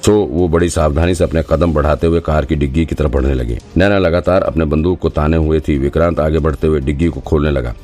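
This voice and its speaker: A man's voice: a bass voice, fairly even intonation, brisk, few pauses, warm tone, soft background music. A man narrating a thriller audiobook in a dramatic storytelling manner. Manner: dramatic storytelling, voices all characters himself. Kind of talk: scripted narration.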